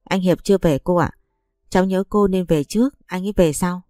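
A woman voicing a gentle, hurt young wife who speaks in a tearful, pleading way. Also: fairly low pitch, a little fast, no echo, studio quality, faint music behind, lightly acted. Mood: polite.

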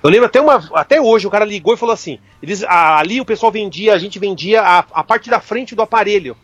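Fast-talking high-voiced man telling stories. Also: no echo. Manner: rapid, profane, animated anecdotes. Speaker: guest. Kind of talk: casual podcast storytelling.

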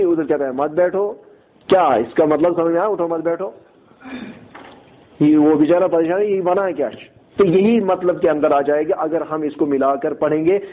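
High-voiced male tajweed teacher, tinny audio. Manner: explains rules, asks checking questions, recites slowly in a chanted voice. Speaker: Quran recitation teacher. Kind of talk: tajweed lesson, explaining and chanting verses.

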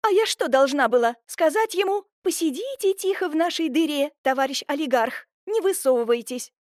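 A woman voicing a bustling, scheming middle-aged village woman who talks in quick, exclamatory bursts. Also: high-pitched, animated, no room sound, clean studio sound, voice pushed up. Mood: fussy. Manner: fast, fussy, exclamatory.

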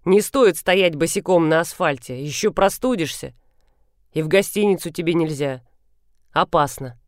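A blunt, grumbling young man who rescues a stranger and then sulks about it, read by a woman in her own near-normal voice. His lines come out short and gruff. The recording is close and dry, with no room sound. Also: low-pitched, moderate pace, a little mellow, dry recording, close to an everyday voice. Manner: grumbling, curt.

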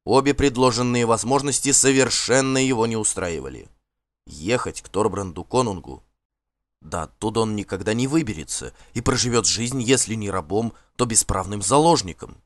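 Low-voiced male audiobook narrator. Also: no room sound.

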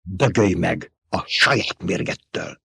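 A man voicing a defiant, doomed male slave gladiator with a rough, strained voice, in an audiobook. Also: medium pitch, dry recording, lightly acted. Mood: gasping.

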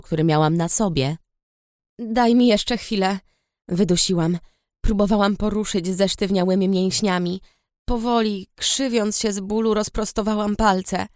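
A woman narrating a fantasy audiobook in first person, steady and measured. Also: mid-range voice, no room sound, studio quality.

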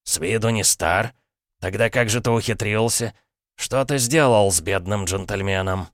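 A man voicing a sly, pompous middle-aged uncle, smooth and mock-courteous, with an ironic tone. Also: on the low side, a little slow, no echo, clean studio sound, lightly acted. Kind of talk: audiobook character voice.

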